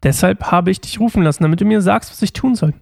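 A man voicing a desperate, frightened king, read aloud with a high, gravelly voice. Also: quick pace, no echo, studio quality. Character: desperate, fearful old king.

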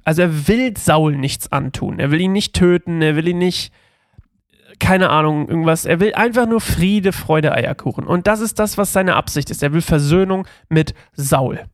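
A man's voice: sits high, no room sound, studio quality. A man reading aloud from the Bible and adding casual, chatty commentary for listeners, with loose fillers and restarts. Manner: addresses listeners directly.

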